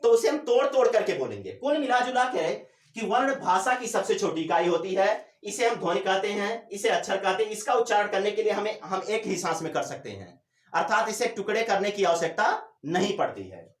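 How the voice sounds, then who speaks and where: A male teacher giving a classroom lecture, asking questions and answering them himself, drawing out words slowly to demonstrate. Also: high-pitched, sing-song, far from the mic. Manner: drawls syllables slowly to demonstrate. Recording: echoey room.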